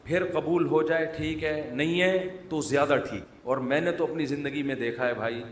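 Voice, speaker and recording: A man's voice: fairly high pitch, a little hiss or hum. A man from Pakistan, giving a humorous sermon, mixing jokes with earnest advice and answering his own questions. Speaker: Islamic preacher. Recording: echoey hall with faint ambience.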